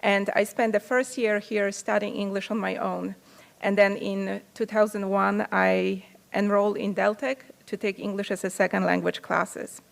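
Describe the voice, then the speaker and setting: A woman's voice: mid-range voice, flat delivery, moderate pace, creaky. A woman in her forties from Poland with a Polish accent, giving an earnest prepared speech at a podium microphone in a large conference hall. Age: 40s. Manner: earnest, reads with small restarts. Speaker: company founder giving a speech.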